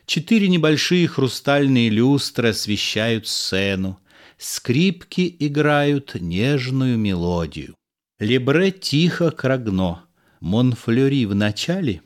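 A man narrating stage directions for an audio play. His pace is slow and unhurried, and his pitch is mid-range. He delivers the directions evenly. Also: very animated. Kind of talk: audio-play reading of a verse drama.

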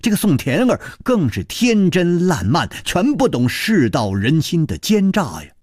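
A man telling a martial-arts tale in traditional Chinese storytelling style, with lively, expressive narration. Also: a little high, measured pace, breathy edge, no room sound. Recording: dry close radio studio.

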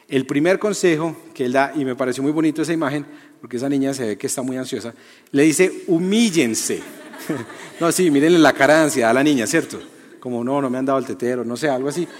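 A man preaching a lively, conversational sermon to young people, often asking the audience questions. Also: fairly high pitch. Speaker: youth preacher. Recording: long hall reverb.

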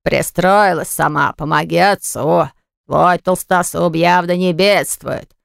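A woman voicing a drunk, spiteful middle-aged father who drawls slowly and mockingly in a nasal voice, with a gravelly edge. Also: lowish voice, fairly even intonation, no echo, clean studio sound, heavily acted. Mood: sneering.

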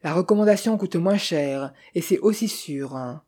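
A reader voicing a cheerful, pushy Italian man with a brisk, persuasive manner in an audiobook. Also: medium pitch, dark tone, close to an everyday voice. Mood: breezy. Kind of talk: audiobook character voice.

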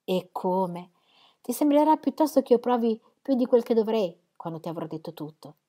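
A woman voicing a lively young woman confiding her engagement, frank and earnest. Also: fairly high pitch, normal speed, pitched above the performer's own voice. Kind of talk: audiobook character reading.

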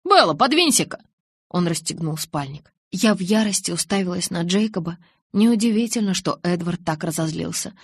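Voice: medium pitch, moderate pace, darkish tone, breathy edge, no echo. A reader narrating a novel audiobook in first person, scripted.

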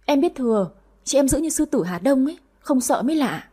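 A woman voices a lively eight-year-old boy who chatters and teases in an audio story. His voice sits a little high, soft and husky. It has a mellow, rounded tone. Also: a little fast. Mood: teasing. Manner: chatty, teasing.

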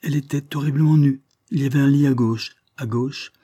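A man's voice: medium pitch, steady tone, fairly quick, dark tone, slightly rough, pitched above the performer's own voice, close to an everyday voice. A man reading the part of a distraught young woman in an audiobook, pleading and indignant. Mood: shaken.

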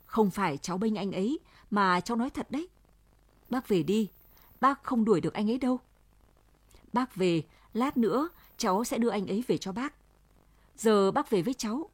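A gentle young villager pleads and reassures, voiced by a woman narrator. The tone is earnest and soothing, close to the mic in a dry, dead space. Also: medium pitch, slightly rough, no echo.

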